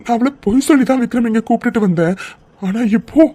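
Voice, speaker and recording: An upset young man in a cartoon speaks anxiously and apologetically, as a performer voices him. His voice is mid-pitched and mellow. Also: quick pace, slight background noise, close to an everyday voice. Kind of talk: cartoon voice acting.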